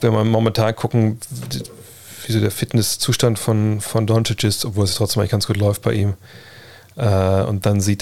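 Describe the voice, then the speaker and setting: A man's voice: lowish voice, darkish tone. A man chatting casually as a livestream host, answering viewers in a colloquial way peppered with English slang and sports terms. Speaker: livestream host and basketball podcaster. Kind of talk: casual livestream chat answering viewer questions about basketball.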